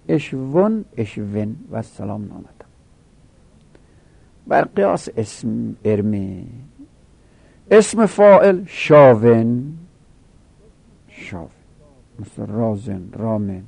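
A middle-aged male teacher with a gravelly, dark voice works through a grammar lesson. He recites word forms in rhythmic drills and lifts his voice to stress key rules. The sound is close and dry. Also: medium pitch, no echo. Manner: rhythmic conjugation drills, rising emphasis.

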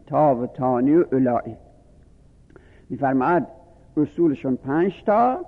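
A man teaching a grammar lesson, patiently listing and drilling word forms one by one. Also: mid-range voice. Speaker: religious studies teacher. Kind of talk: lecture on Arabic grammar. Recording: phone-like lo-fi audio with long reverb.

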